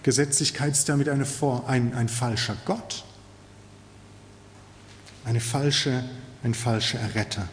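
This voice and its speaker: A man's voice: medium pitch, takes it slowly, pauses often, in a large hall, slight background noise. A man preaching a sermon in an earnest, emphatic way, stressing key words.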